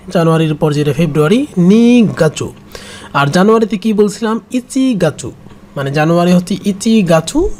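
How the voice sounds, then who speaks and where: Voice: mid-range voice, darkish tone, slight background noise. A language teacher explaining kanji in a patient way, repeating each word several times.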